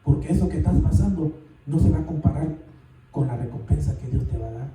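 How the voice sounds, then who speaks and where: A man preaching a sermon, animated and calling out to the congregation often. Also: fairly high pitch, fairly quick, very noisy. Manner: animated, calls out "hermano" often. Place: church sanctuary. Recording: echoey church from far off.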